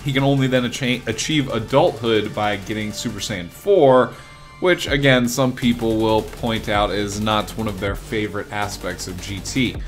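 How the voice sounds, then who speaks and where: A man's voice: lowish voice, moderate pace, soft background music. A young man hosting a gaming video, chatting casually and rambling with fillers. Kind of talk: casual commentary on game news.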